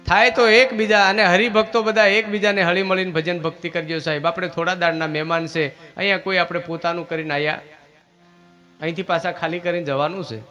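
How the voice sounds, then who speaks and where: A man's voice: high voice, steady tone, fairly quick, sharp tone, faint music behind. A man giving a village sermon, asking his listeners questions and teaching. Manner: preachy, asks listeners questions. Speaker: religious teacher. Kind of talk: village sermon with devotional singing.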